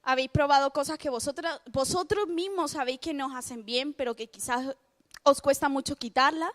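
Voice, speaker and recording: Young female youth preacher, Spain Spanish accent, high-pitched, casual and self-mocking. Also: a little fast. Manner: lively, chatty, self-mocking, laughs often. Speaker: youth speaker. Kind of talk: youth sermon.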